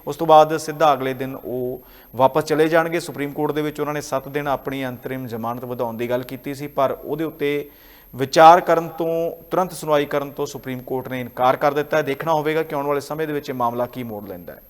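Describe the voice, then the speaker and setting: A man presenting news commentary as an anchor, in a measured, explanatory way. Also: a little high, fairly even intonation, long reverb tail.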